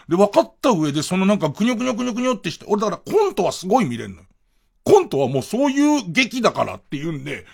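A man hosting a late-night radio show, rambling casually and thinking aloud with chuckling asides. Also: high-pitched. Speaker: radio host.

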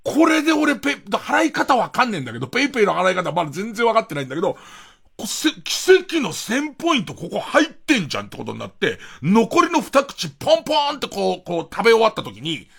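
A man's voice: high-pitched, wildly swooping pitch, fast talker, gravelly, a bit bright, breathy edge. A man hosting a late-night radio show, rambling through a comic anecdote and acting out the dialogue. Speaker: radio host. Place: radio studio.

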